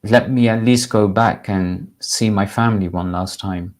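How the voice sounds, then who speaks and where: A man's voice: on the low side, steady tone, unhurried, close to an everyday voice. A man quoting a proud, desperate king. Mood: pleading. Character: proud frightened male king.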